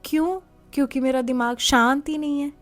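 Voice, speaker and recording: A woman giving a conversational motivational talk. She asks the listener rhetorical questions and guides them through calm, step-by-step exercises. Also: sits high, a little fast, faint music behind. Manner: gives calm step-by-step guidance. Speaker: motivational speaker.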